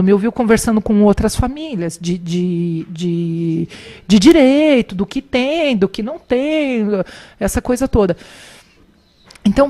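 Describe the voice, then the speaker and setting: A middle-aged woman talks with a mellow, warm tone as a guest in a conversation. She tells stories and acts out the dialogue, and her pitch jumps up when she does. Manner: recounts events by acting out dialogue, animated pitch jumps. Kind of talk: conversational storytelling.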